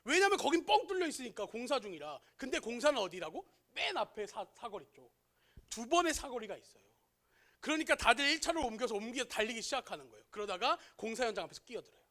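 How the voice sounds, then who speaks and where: High, bright-voiced man preaching. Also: sing-song, fast talker. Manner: asks the listeners questions; tells an everyday story to make a point. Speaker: youth pastor. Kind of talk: sermon to teenagers.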